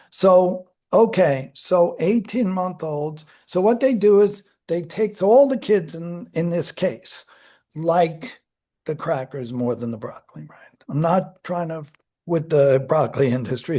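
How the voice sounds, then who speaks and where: Mellow-toned psychology lecturer. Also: mid-range voice. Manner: conversational, self-correcting, acts out examples in voices. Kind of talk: classroom lecture. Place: lecture room.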